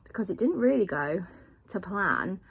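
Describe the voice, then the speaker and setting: A woman vlogging straight into her phone, her voice picked up by its built-in mic at arm's length. She chats loosely and rambles, dropping in plenty of fillers, at an everyday middle pitch. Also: big pitch swings, normal speed, creaky, husky. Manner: chatty, rambling, with frequent fillers. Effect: phone video recording. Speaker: family vlogger. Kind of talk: casual chat to camera. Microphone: phone held at arm's length.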